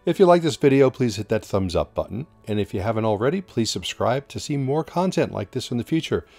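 A man hosting his channel, giving a relaxed, casual voice-over update with some filler words. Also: medium pitch, a little fast. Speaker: channel host. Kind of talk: casual voice-over for drone footage.

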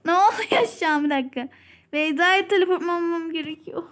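Giggly girl-voiced host playing a game, super high and bright, whispers sometimes. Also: a little fast. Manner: giggly, playful, often drops to a hushed voice. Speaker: channel host. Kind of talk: playful game-play vlog.

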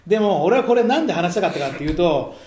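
A man's voice: sits high, animated, rapid-fire, mellow. A young man from a comedy duo telling a backstage story on a casual radio talk show, acting out quotes and laughing at his own jokes. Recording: roomy studio echo.

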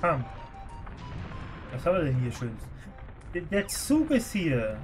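A man's voice: on the high side, huge pitch swings, slow. A man giving casual live commentary as he plays a game on stream. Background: video game music.

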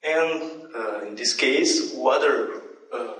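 A man's voice: medium pitch, fairly bright tone. A young man from Brazil with a Brazilian Portuguese accent, giving an academic conference talk in English with hesitant fillers and self-corrections. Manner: halting non-native English with frequent fillers and self-corrections. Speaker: conference presenter. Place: large dim lecture hall with a projection screen. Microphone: handheld microphone, heard through room speakers from a distant camera. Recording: echoey hall recorded from far off.

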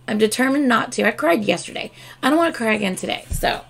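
A hoarse woman in her thirties, her voice on the high side, talks fast and gushes with laughter and exclamations. She's a K-pop reaction YouTuber filming a casual vlog at her desk at home, framed by a webcam, with shelves of albums and collectibles behind her.

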